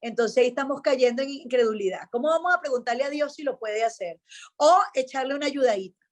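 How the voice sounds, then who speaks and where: A woman with a Venezuelan accent speaks with a notably high voice, telling a personal testimony in a relaxed interview. She brings the story to life by acting out each person's lines. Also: quick pace. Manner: animated storyteller, acts out dialogue. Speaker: radio host, interview guest. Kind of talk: casual testimony chat.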